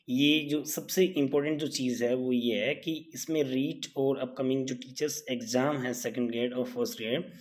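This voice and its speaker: A man leads an exam-prep lesson in a lively, animated voice. He keeps asking his students short questions and answers them himself, and his pitch sits in a middle range for a man. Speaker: teacher.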